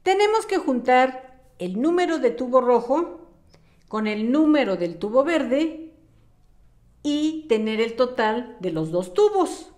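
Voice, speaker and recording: A woman's voice: sits high, sing-song, slow, a little mellow. A woman teacher giving an online lesson to young children in a patient, sing-song classroom voice.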